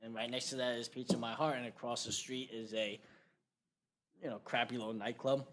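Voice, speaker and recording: A young adult man, a guest comedian on a podcast, telling a rowdy story in a casual, animated way, swearing freely and yelling when he acts out quotes. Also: mid-range voice, a little fast, slight background noise. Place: podcast studio.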